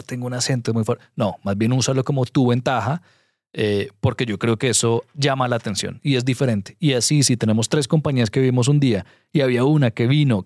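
On a podcast interview, a guest investor speaks with conviction and emphasis, handing out straightforward advice. He has a mid-range, slightly mellow voice, recorded in studio quality with no echo.

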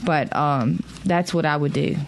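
A woman with a gravelly voice who works as a mechanic, giving practical, direct advice in a casual call-in style. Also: deep voice, unhurried, slight background noise. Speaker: auto mechanic advising callers.

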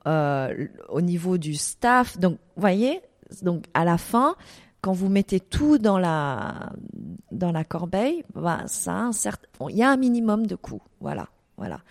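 With a fairly low voice that swings widely in pitch, the middle-aged Vietnamese owner of a desert events business answers interview questions at a measured pace. She sounds a little mellow and hesitates often, using fillers and restarts. The recording is dry and studio-clean.

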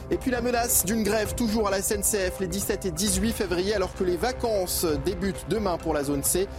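Man, newsreader, headlines, high voice, brisk, formal, music bed behind. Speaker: news anchor reading headlines. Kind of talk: read news headlines. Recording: news music bed underneath.

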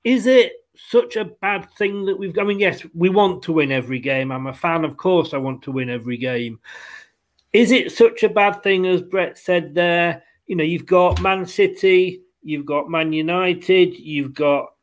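A man's voice: high voice, measured pace. A man hosting a fan football show, chatting casually in an apologetic, talkative way.

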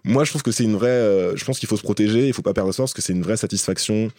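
Guy cohosting a podcast, lowish voice, jokey and full of euh, dry sound. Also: quick pace, dark tone, dry recording. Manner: joking, hesitant banter. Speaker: podcast co-host. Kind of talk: casual chat.

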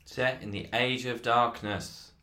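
A man chatting casually as a hobby podcast co-host, recorded in the echoey hallway of a flat. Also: mid-range voice, slow.

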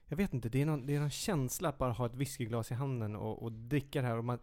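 A man's voice: mid-range voice, a little mellow. A man chatting casually as a co-host, rambling and correcting himself with playful teasing. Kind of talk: casual chat.

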